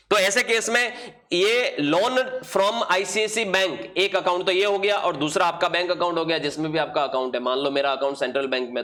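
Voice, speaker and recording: A man's voice: high-pitched, pushed and bright. A man teaching accounting in a classroom lecture, posing questions and answering them himself while writing out examples. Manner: asks questions and answers them himself, mixing Hindi and English terms.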